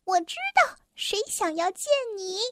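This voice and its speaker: A squeaky, teasing tiny elf. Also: female voice, expressive, measured pace, sharp tone, no echo, studio quality, heavily acted. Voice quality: very high squeaky voice. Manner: teasing, giggly. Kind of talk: storybook character voice.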